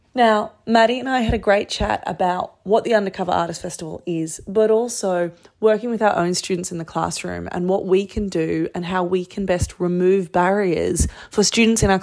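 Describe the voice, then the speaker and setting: An Australian woman with a slightly low voice speaks as a podcast host. She delivers a prepared introduction, addressing the listeners directly.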